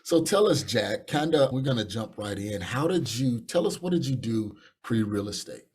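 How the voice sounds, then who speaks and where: A man's voice: medium pitch, animated, moderate pace, slightly rough. A man hosting a podcast, chatty and upbeat, often repeating words as he talks. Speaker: podcast host.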